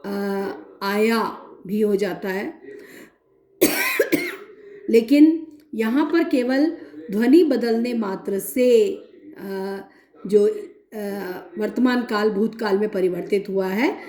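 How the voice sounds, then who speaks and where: A woman lecturing on linguistics in a methodical way, explaining with many examples and pausing often. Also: medium pitch, very animated, darkish tone, reverberant. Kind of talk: recorded academic lecture.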